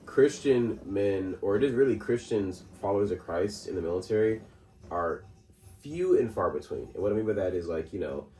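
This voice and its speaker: On the low side with a dark tone, this man's voice has lively intonation and a normal speed. He co-hosts a casual podcast, telling a rambling story full of fillers, restarts and laughter, heard off-mic in a roomy space with faint noise.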